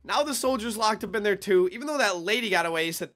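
A man doing excitable game commentary, reacting with exaggerated surprise. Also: sits high, fast talker. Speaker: gaming YouTuber.

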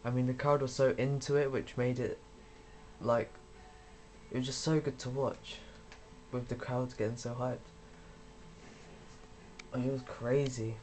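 A man's voice: mid-range voice, flat delivery, measured pace, pauses often, a little mellow, slight background noise. Casual young man chatting over gameplay. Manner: chatty, rambling, swears when frustrated. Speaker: gaming YouTuber.

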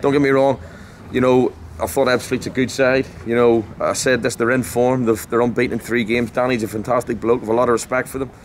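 This is a football manager in his forties, interviewed after the match outside at a ground at night. His delivery is brisk and flat at a medium pitch with hardly any pauses, and he comes across as emphatic, repetitive, blunt and passionate. Faint outdoor noise surrounds the close-held handheld mic.

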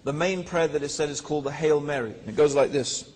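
A man telling his personal story in a religious talk, measured and pausing with fillers. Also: a little high, a little mellow. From England. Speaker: guest speaker. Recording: reverberant lecture hall.

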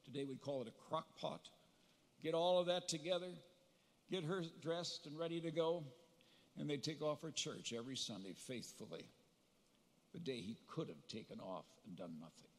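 A man's voice: fairly high pitch, expressive. Older man giving a eulogy in a reverberant hall. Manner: reminiscing storyteller, gentle humor, pauses to recall. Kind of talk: funeral eulogy. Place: large funeral hall. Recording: long reverb of a large hall.

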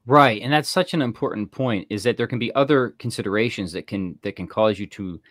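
A man hosting a podcast interview, speaking in an affable, chatty way and quick to agree with his guest. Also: fairly low pitch, a bit bright, dry recording, clean studio sound. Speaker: podcast host. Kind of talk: casual interview chat.

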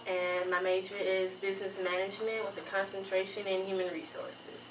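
A woman's voice: medium pitch, flat delivery, fairly quick, background noise. A young woman from Houston, a student giving plainspoken interview answers indoors. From Houston, Texas. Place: indoor room by a window. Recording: roomy, distant mic.

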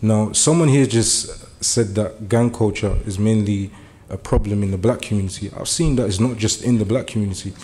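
A young German man, a community speaker, gives an earnest public speech in a meeting room. He starts out hesitant and full of fillers, then builds to urgent appeals, his mellow, fairly low voice moving at a moderate pace with few pauses.

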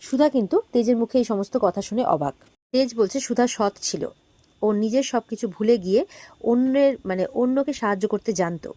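A woman's voice: on the high side, brisk, dark tone, no room sound. A woman casually retelling a drama episode, quoting the characters' lines and stopping often to correct herself. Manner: retells dialogue with frequent restarts and fillers. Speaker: serial recap narrator. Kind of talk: casual storytelling recap.

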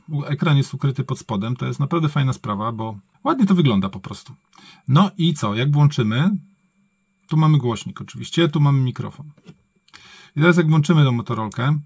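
A man with a low-pitched-to-middling, creaky voice walks through a gadget in an informal review. He thinks aloud and corrects himself as he goes. The sound is close and dry, with a husky edge. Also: darkish tone, no echo. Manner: thinks aloud, colloquial, often self-correcting. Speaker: product reviewer. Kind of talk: casual hands-on gadget review, improvised.

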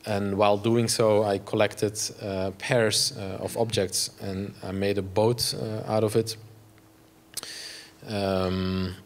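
A Belgian man in his forties with a Flemish accent and Dutch as his first language, giving an artist talk in a gallery room on a lapel mic, halting with many fillers and restarts. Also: on the low side, little pitch movement.

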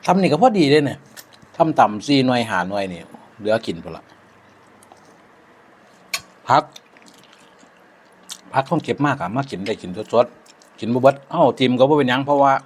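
A man's voice: medium pitch, lively intonation, moderate pace, long pauses, husky. A man with an Isan accent chatting reflectively over a meal, using many polite particles. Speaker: vlogger. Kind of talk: casual chat over a meal.

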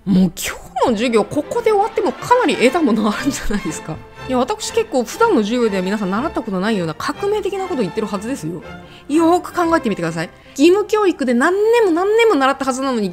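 A brisk woman teaches a language lesson to camera, her pitch leaping up and down as she jokes and quizzes her viewers. Her first language is Korean. Faint music plays underneath her voice. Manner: animated, playful, talks straight to the viewers with rhetorical questions. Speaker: language teacher and video host. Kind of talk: lively explanatory lesson to camera.

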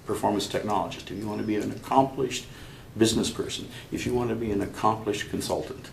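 An older man, a guest in an interview, telling stories in a halting way with many restarts. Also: lowish voice, steady tone, creaky, roomy sound, slight background noise. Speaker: interview guest, chapter member. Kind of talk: conversational storytelling.

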